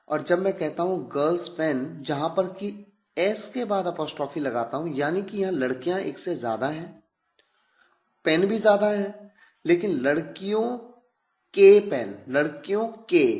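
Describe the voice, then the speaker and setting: A man giving a recorded grammar lecture, explaining patiently, repeating examples and drawing out sample phrases slowly. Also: fairly high pitch. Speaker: English grammar teacher.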